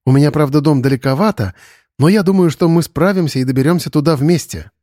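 A man voicing a hurt but resolute young woman in a storybook, speaking earnestly and a little higher. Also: fast, mellow, no echo, studio quality, natural voice.

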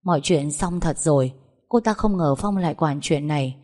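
A woman narrating a family drama story in a steady, even storytelling manner. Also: deep voice, moderate pace. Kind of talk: scripted audio-story narration.

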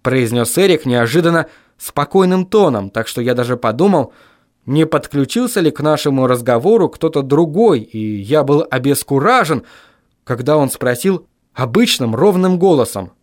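A man narrating an audiobook in the first person, expressive storytelling. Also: a little high, normal speed, no echo, studio quality.

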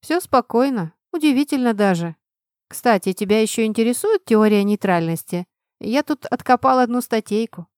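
A woman's voice: fairly high pitch, animated, normal speed, a little mellow, no room sound, studio quality, close to an everyday voice. A woman reading an audiobook, voicing a friendly, knowledgeable young male student who explains things patiently. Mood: explaining. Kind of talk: audiobook narration.

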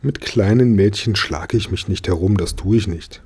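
A man's voice: lowish voice, moderate pace, a little mellow, husky. A man reading a storybook and voicing a smug, dismissive older boy. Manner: scornful, dismissive.

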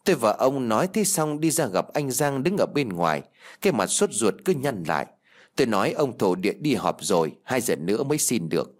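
A male storyteller reading a ghost story in a plain, steady way. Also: mid-range voice, a little fast. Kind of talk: scripted horror story narration.

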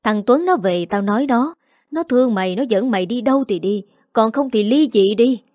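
A woman voicing a hot-tempered older mother-in-law, scolding shrilly and fast. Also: fairly high pitch, lively intonation, darkish tone, no echo, clean studio sound, natural voice. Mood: dismissive.

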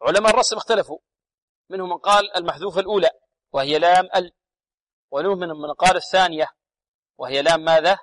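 A man teaching Quran recitation on a radio lesson. He chants verses slowly, then explains the rules, asking his students questions and answering them himself. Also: sits high, fairly bright tone, poor audio.

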